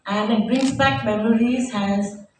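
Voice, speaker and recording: A middle-aged or older woman gives a formal public speech as a competition judge, deliberately stressing her points. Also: a little high, fairly even intonation. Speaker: competition judge giving remarks. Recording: very echoey hall, distant, faint noise.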